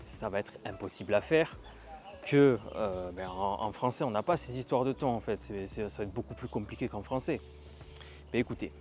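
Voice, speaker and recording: A man giving a casual language lesson while walking outdoors, lively and stressing words to demonstrate tones. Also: mid-range voice. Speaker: language teacher.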